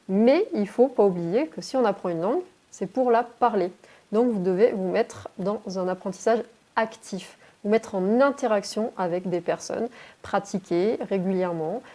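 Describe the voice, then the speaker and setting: Encouraging woman teacher with a mellow voice. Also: medium pitch. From France. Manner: encouraging, addresses viewers directly. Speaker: English teacher. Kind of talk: motivational vlog talk to camera. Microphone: phone.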